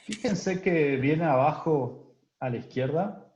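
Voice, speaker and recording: A man's voice: fairly high pitch, lively intonation, slow, darkish tone. A man teaching an online English class, explaining grammar patiently and drilling pronunciation with his students. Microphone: video call. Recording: roomy, dull video-call audio with faint noise.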